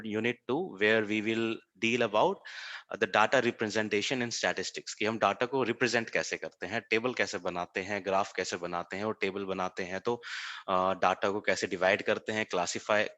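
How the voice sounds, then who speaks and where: A man's voice: fairly low pitch, pushed and bright. A young man teaching psychology statistics, explaining step by step and checking in with "right?". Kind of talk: online lecture, mixing Hindi and English.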